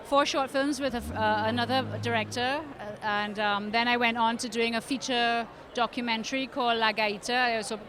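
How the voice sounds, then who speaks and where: A woman's voice: fairly high pitch, steady tone, crowd noise. A middle-aged woman with a Trinidadian accent, a film producer answering questions on a red carpet, full of restarts and fillers. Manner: halting, many restarts and fillers. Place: outdoor red carpet event.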